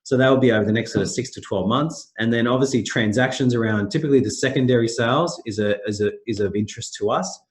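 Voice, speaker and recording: Sounding nasal from a sore throat, this middle-aged man speaks at medium pitch and a fast clip, barely pausing as he runs a business webinar as managing director of his company. His phrasing wanders and repeats itself, packed with fillers and false starts.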